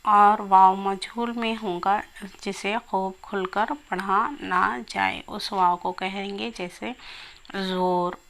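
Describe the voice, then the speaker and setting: A woman's voice: mid-range voice, fairly even intonation, takes it slowly, gravelly, a bit bright. A woman teaching a grammar lesson for exam preparation, explaining step by step and repeating example words.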